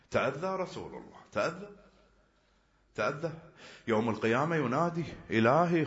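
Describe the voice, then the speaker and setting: Male preacher for a mourning sermon, very expressive pitch, dull lo-fi recording. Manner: lamenting, swings from hushed murmurs to loud cries.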